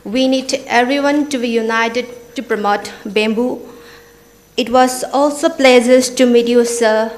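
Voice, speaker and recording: Lady mc at a formal event, slightly high voice, very polite and deferential. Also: steady tone, measured pace. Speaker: seminar host introducing speakers.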